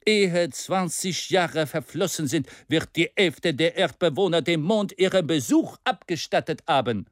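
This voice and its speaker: A man as a bold male dreamer-orator, emphatic, pitch leaping high, dry close reading. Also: expressive, measured pace, no echo. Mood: rousing. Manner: rousing, declamatory, emphatic.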